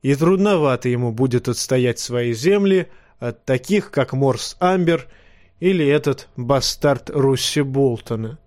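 A man voicing a grave old knight who gives patient, measured counsel in an audiobook. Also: mid-range voice, expressive, dry recording, studio quality, close to an everyday voice. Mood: thoughtful. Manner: measured, gently reproving.

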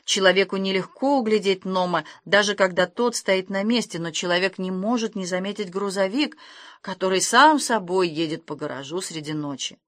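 A woman narrating an audiobook with expressive storytelling. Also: medium pitch, normal speed, dry recording, studio quality.

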